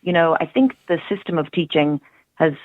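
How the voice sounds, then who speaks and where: An Irish language teacher appears as a guest on a casual radio chat show, speaking in a low-pitched, expressive voice at a moderate pace. Earnest and enthusiastic, she talks in long flowing runs, and the audio is narrow and tinny with no echo.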